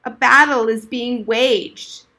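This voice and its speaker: A woman's voice: fairly high pitch, fairly even intonation, slow pace, pushed and bright, heavily acted. Woman doing a stern old soldier barking drills.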